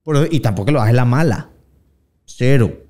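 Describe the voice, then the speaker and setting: Relaxed Colombian Paisa man, mellow voice. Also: mid-range voice, a little fast. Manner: relaxed, slangy, acts out quoted voices. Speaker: interviewed singer. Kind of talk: casual interview chat.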